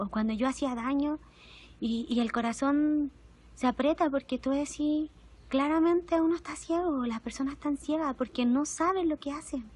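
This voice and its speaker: Preaching with a Chilean Spanish accent, a young adult woman gives a heartfelt testimonial sermon whose mood swings from gentle to animated. Her voice sits high.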